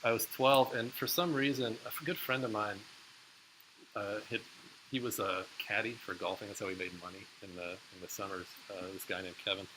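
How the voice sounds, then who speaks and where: A man's voice: lowish voice, steady tone, a little fast. A man professor telling a personal story to his class in a casual, chatty way, with many fillers. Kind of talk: casual closing lecture story. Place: lecture hall. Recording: hissy lecture recording.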